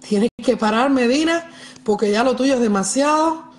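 Speaking at a moderate pace in a slightly high voice, a Cuban-accented, middle-aged woman hosts a livestream from her home's large living room. She chats casually with viewers, talking to them directly, emphatically and repetitively. She uses a wired earphone mic.

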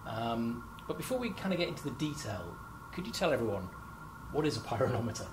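A man's voice: mid-range voice, very animated, fast. A young man hosting a corporate product interview in a lab, chatty and upbeat with frequent fillers. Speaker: marketing host. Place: company lab, indoors, standing. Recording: lab background noise.

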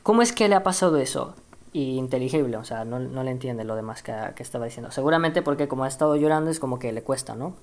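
A woman's voice: rumbling low, lively intonation, very fast, hardly any pauses, a little mellow. A woman from doing casual game commentary and reading dialogue aloud, hesitant and thinking aloud with many fillers. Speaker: gameplay streamer.

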